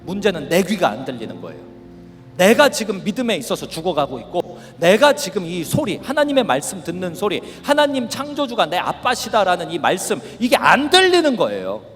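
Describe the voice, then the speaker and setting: A middle-aged male pastor preaching at a youth camp, animated and shouting at the peaks. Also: high voice, brisk, slight background noise. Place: large worship hall. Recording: reverberant hall with faint music.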